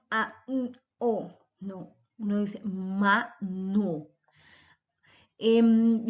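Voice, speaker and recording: A woman teacher giving a recorded lecture, explaining step by step and sounding out letters and syllables. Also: a little high. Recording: dull lo-fi recording.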